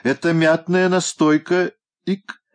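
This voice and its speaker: A man voicing a drunken, sentimental tomcat who growls and gushes in slow, drawn-out exclamations. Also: fairly high pitch, flat delivery, pitched above the performer's own voice, lightly acted. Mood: gushing. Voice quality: hoarse, growling.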